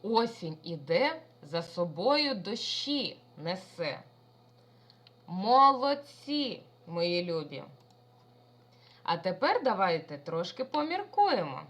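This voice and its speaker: A woman's voice: lowish voice, big pitch swings, takes it slowly, a bit bright. A woman primary school teacher giving a recorded lesson to young children, talking in an affectionate, sing-song way.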